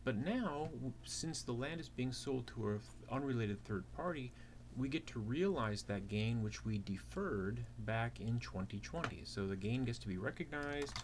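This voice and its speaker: A man with an expressive, mid-range voice talks at a moderate pace, explaining a worked problem in steps as a teaching assistant would, with rhetorical questions. Behind him, keyboard typing comes through clear background noise.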